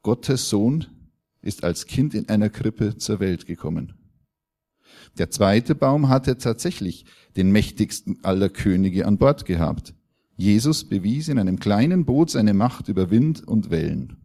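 A male pastor reads a story aloud with a low, mellow voice. His delivery is calm and measured, suited to a sermon.

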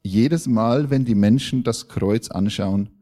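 A male pastor calmly reading a story aloud in a sermon, in a measured way. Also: medium pitch.

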